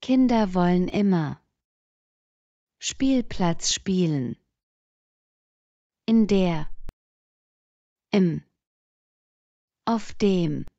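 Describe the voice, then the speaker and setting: A woman slowly reading short sentence parts and single words aloud for language learners. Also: on the low side, lively intonation, gravelly, mellow, no room sound, lo-fi sound. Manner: reads single words and short fragments one by one.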